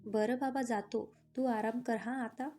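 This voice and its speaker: A woman voicing a worried, protective young man speaking gently to his sister in an audio story. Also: a little high, fairly even intonation, unhurried. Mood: tender. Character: worried young adult brother, tender and protective.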